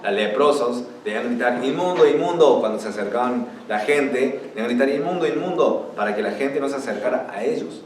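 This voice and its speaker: A man's voice: mid-range voice, fairly even intonation, brisk, hardly any pauses. A young male pastor preaches a sermon, repeating his key words and lifting his voice for scripture. His medium voice echoes around a roomy church hall, heard from some distance with a faint hum of ambience behind it. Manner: teaching, repeats key words, rises when reading scripture aloud.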